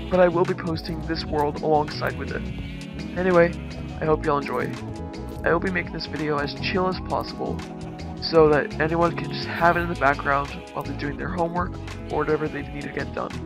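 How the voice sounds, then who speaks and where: A man speaking through a voice changer as he hosts a relaxed, easygoing tour of his game world. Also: on the high side, gravelly. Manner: laid-back, easygoing, talks while touring his builds. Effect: voice changer disguising his voice. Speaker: gaming channel host. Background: background music.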